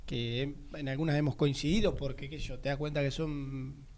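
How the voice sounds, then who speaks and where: A man's voice: medium pitch, fairly even intonation, fairly quick, a little mellow. A man with an Argentine accent, co-hosting a sports talk show in a rambling, chatty way. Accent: Argentine Spanish. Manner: rambling, chatty, often trails off. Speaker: radio sports host. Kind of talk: casual chat.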